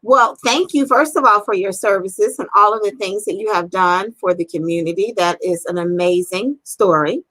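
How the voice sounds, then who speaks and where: A woman's voice: mid-range voice, normal speed, hardly any pauses, a bit bright, rough recording. A woman hosting a live-streamed interview, talking in an effusive, upbeat and encouraging way. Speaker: interview host.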